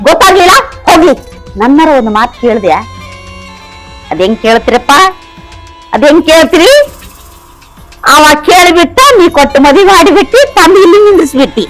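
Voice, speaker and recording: Haughty middle-aged stepmother played by a woman, North Karnataka Kannada accent, sneering taunts, very high voice. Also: rough recording. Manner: taunting, sneering, drawn-out scolding. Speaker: stepmother-in-law in a comedy skit. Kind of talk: village comedy drama acting.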